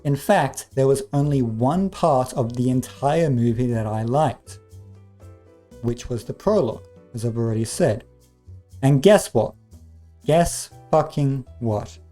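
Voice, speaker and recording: A man's voice: mid-range voice, lively intonation, measured pace, mellow. Give me a sarcastic, swearing man tearing into a movie, with faint music behind him. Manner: sarcastic, exasperated, swears often. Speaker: movie reviewer. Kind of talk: comedic review commentary.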